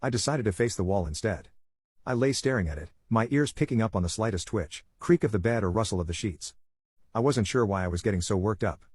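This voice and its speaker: A man with a husky voice reading a scripted first-person story as narrator. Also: lowish voice, lively intonation, brisk, no echo, studio quality.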